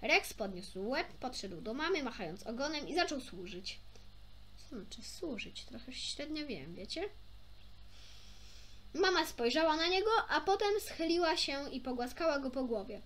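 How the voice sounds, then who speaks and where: This young woman's high-pitched, slightly bright voice swings widely in pitch as she reads a kids' story at a moderate pace. She's an informal amateur reader who trips over words, corrects herself and adds friendly little asides.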